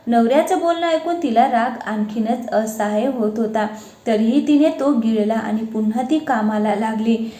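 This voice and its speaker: A woman narrating an emotional family story in an expressive storytelling manner. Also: a little high, moderate pace, echoey room.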